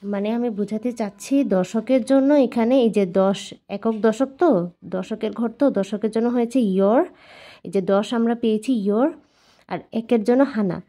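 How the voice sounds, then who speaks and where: A woman teaching Korean numbers to learners, explaining patiently and repeating each word slowly several times. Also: a little high, mellow. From Bangladesh. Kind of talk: explaining and drilling pronunciation.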